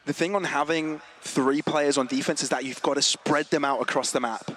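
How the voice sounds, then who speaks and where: A man casting esports play-by-play, excitable and dramatic, building into shouted calls. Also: fairly high pitch, normal speed, a little hiss or hum.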